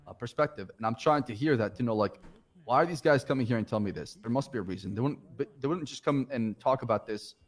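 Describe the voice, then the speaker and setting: Brief: earnest male cop character, rapid, halting restarts. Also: medium pitch. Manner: earnest, halting, repeats himself. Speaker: police officer in a roleplay game. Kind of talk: in-character discussion.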